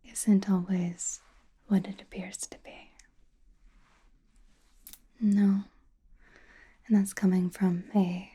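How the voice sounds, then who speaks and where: A woman voicing a powerful, mysterious witch in a slow, breathy, intimate ASMR whisper, gently teasing and soothing. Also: medium pitch, heavily acted. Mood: gentle, wise.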